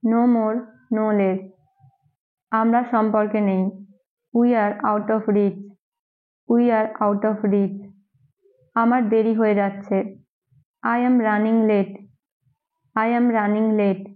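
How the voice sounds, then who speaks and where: A woman English teacher, a native Bengali speaker, reading daily phrases and repeating each one twice, very slowly. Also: medium pitch, level tone. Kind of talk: slow drill reading of phrases. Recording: tinny phone-like recording.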